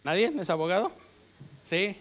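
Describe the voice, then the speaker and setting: A man with a Mexican Spanish accent preaching a sermon, stressing his words and asking the congregation questions for them to answer back. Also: high voice. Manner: call-and-response questions to the congregation; slow, emphatic delivery with sudden loud rises. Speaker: pastor.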